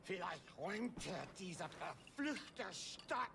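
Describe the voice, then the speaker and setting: An actor playing a village drunk in a video game, muttering slowly and drunkenly. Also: male voice, high-pitched, sing-song, a crowd in the background, heavily acted. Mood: brooding, drunk. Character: muttering village drunk in a grim wartime town.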